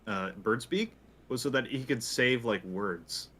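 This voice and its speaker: A young man chatting on a livestream, matter-of-fact and quick to correct the others. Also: medium pitch, fairly bright tone, slight background noise. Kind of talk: casual chat on a livestream.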